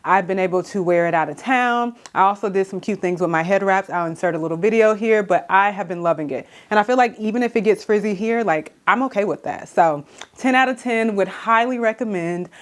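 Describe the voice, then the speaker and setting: A woman's voice: mid-range voice, brisk. A woman talking casually to camera in a hair tutorial vlog, chatty and enthusiastic with many fillers, a little out of breath. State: slightly out of breath. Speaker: beauty vlogger. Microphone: camera mic, on camera.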